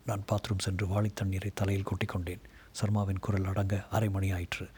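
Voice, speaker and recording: A man reading a novel aloud in a measured, steady storytelling voice. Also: low-pitched, slight background noise. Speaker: narrator.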